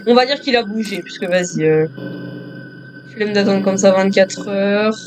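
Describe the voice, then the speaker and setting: A man's voice: high-pitched, steady tone, unhurried. A male gamer doing joking commentary on a horror game, talking to himself and to viewers as he plays.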